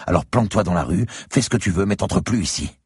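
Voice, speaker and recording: A man voicing a tough, foul-mouthed woman bar owner in a thriller audiobook, speaking shrill and loud. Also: animated, fast, slightly rough, no room sound, clean studio sound, full character voice. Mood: blunt.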